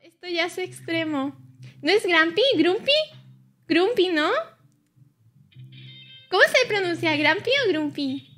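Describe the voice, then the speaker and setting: A woman's voice: very high voice, slow pace, long pauses, fairly bright tone, faint music behind. A young woman streaming live, chatting casually and playfully with her viewers and teasing them back.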